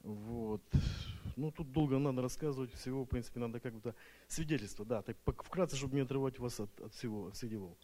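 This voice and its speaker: Over a rough recording, a man with a mid-range, dark-toned voice speaks fast in Russian, a second language for him. Nervously testifying at a church retreat, he hesitates often, restarting and using fillers.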